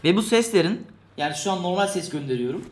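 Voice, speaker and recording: A man's voice: high voice, expressive, quick pace. A man reviewing a gadget in a casual vlog at his desk, chatty and joking, laughing often and grumbling playfully. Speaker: tech reviewer.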